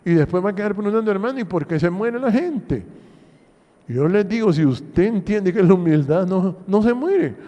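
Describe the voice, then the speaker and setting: A Honduran man preaches a sermon as pastor, slow and deliberate, his somewhat high voice rising and falling widely. His tone is dark and mellow, and he keeps asking the congregation rhetorical questions. A long church reverb hangs behind every phrase. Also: expressive, lo-fi sound. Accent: Honduran Spanish. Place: church hall.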